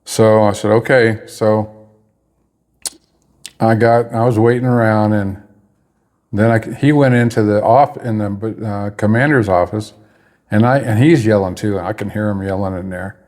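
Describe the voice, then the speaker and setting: A man's voice: lowish voice, steady tone, measured pace, pauses often, a little mellow. A man telling a personal story in a casual, rambling way, often stopping to correct himself mid-sentence. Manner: rambling, with restarts and self-corrections.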